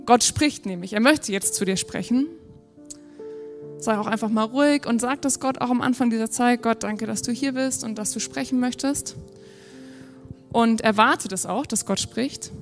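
A woman in her thirties giving an earnest, encouraging sermon in a church, often praying aloud. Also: fairly high pitch. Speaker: preacher. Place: church hall with worship music. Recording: long hall reverb, faint music behind.

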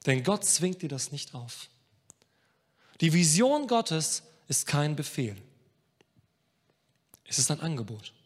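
Impassioned preacher, higher voice, long hall reverb. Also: male voice, very animated, slow pace, long pauses, slightly rough. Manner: impassioned, swinging between hushed and emphatic; addresses listeners directly. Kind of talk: sermon.

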